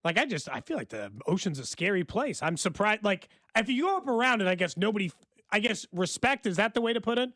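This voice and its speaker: A man's voice: sits high, very animated, fast, sharp tone, no room sound, studio quality. A man co-hosting a sports radio show, asking a guest chatty, rambling questions. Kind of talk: casual interview questions. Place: radio studio.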